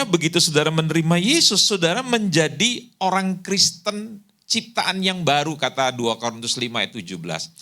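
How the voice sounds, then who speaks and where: Animated bright-voiced male preacher. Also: high voice. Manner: animated storytelling preacher, acts out quoted voices. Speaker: pastor. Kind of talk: sermon. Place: church hall.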